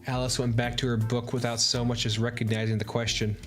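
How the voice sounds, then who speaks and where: A man's voice: mid-range voice, little pitch movement, fairly quick, music in the background. A man chatting casually while playing a visual novel and reading its narration aloud in an easygoing way. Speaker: streamer.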